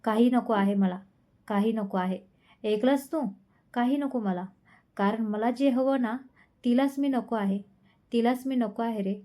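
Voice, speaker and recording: Woman reading as a young guy totally heartbroken, keeps repeating himself, kinda high mellow voice. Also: unhurried, pauses often, natural voice. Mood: anguished. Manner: anguished outbursts, repeats himself. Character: heartbroken young man, despairing and bitter.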